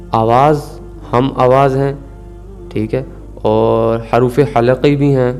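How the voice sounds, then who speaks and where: A man teaching Quran recitation rules, calmly explaining and slowly stretching out recited words to demonstrate. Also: mid-range voice. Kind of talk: tajweed lesson.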